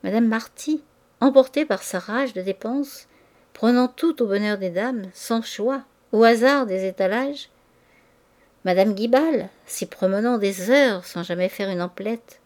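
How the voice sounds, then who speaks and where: A woman reading a classic novel aloud in measured, even narration. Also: medium pitch. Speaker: audiobook reader.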